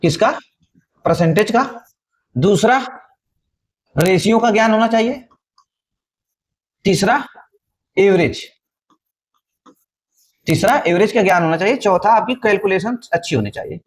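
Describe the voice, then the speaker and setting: A man's voice: sits high, unhurried, pauses often. A man teaching an exam-prep maths lesson, often asking a question and then answering it himself. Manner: repetitive, asks and answers own questions.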